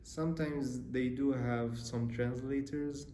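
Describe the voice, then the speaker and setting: A young man from Syria, a student, answering interview questions in a relaxed, hesitant way with many pauses and fillers. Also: mid-range voice, a little hiss or hum. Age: young adult. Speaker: interview guest, university student. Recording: roomy echo, faint ambience.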